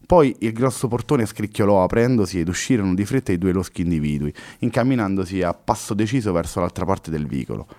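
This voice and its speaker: Low-voiced male storybook narrator. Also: expressive, fast talker, hardly any pauses, mellow. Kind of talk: audiobook story reading.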